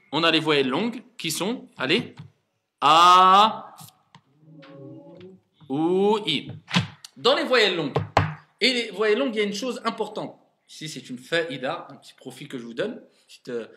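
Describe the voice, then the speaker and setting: A man's voice: on the high side, pushed and bright. A man teaching Arabic reading to a class as an imam, coaxing his students and repeating sounds for them to echo. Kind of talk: classroom lesson.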